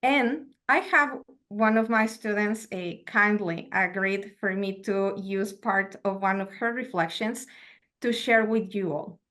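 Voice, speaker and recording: A calm, reflective academic lecture comes from a woman with a mid-range pitch who lectures at a university. Originally from Mexico with Spanish as her first language, she speaks in a measured way and often raises rhetorical questions.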